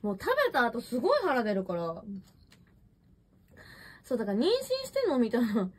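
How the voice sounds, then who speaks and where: Young woman, high voice, bouncy lively intonation, casual livestream chat, rambling, smartphone mic. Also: fairly quick, husky. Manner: chatty and rambling, reading viewer comments. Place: messy room at home.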